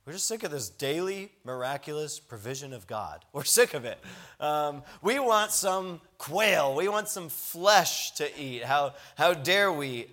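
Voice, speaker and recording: A preacher acting out a whiny, ungrateful crowd that grumbles about its food. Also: male voice, mid-range voice, fairly bright tone. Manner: whiny, mocking.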